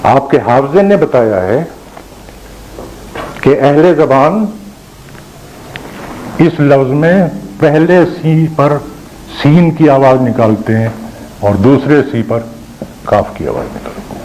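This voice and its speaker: Older male lecturer, mellow tone, measured questioning delivery, faint noise behind. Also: mid-range voice, lively intonation, low-quality recording. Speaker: former college principal and teacher. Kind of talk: lecture with anecdotes.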